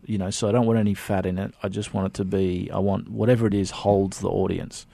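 A man's voice: sits low, little pitch movement, fast, vocal fry, mellow, no room sound. An Australian man, a documentary filmmaker, chatting enthusiastically in a radio interview, with lots of fillers and restarts.

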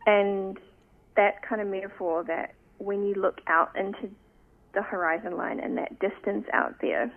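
A young woman talks in a slow, reflective way, often pausing to find the right words. Her voice carries a gravelly fry, and it comes through thin and phone-like. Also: mid-range voice. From New Zealand. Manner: thoughtful, searching, many pauses. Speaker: photographic artist, guest. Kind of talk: reflective interview talk. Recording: tinny phone-line sound.

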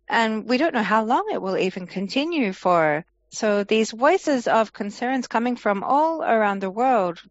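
A woman's voice: medium pitch, no echo. Woman's translation voice-over, dull lo-fi audio. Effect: translation voice-over of a speaker. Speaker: interpreter. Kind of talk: interpreting a forum speech. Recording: dull lo-fi online forum audio.

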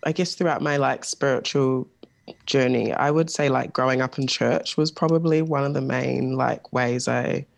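Creaky, hesitant New guest. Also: medium pitch, fairly even intonation, normal speed. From New Zealand. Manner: hesitant, many ums, laughs lightly. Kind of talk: casual interview chat.

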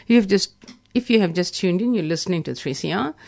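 A woman presenting live on AM community radio, reading announcements in a halting, stumbling way. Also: fairly low pitch, expressive, gravelly, a little mellow. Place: radio studio.

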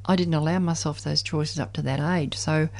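Seventy years old, a woman shares her personal story during a group conversation, reflective and candid. Her low-pitched voice keeps a steady tone at a moderate pace.

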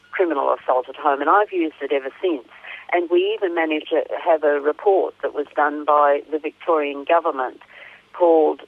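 A woman gives explanatory answers as an interview guest. Her voice is low for a woman and comes through a thin, narrow phone line with no room sound. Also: no room sound. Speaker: interview guest, author and academic. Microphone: telephone.

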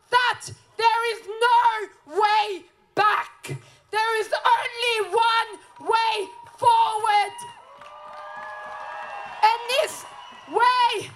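A woman's voice: very high-pitched, fairly bright tone. A woman from Palestine speaking as MC at an outdoor rally, impassioned and leading the crowd in call-and-response chants.

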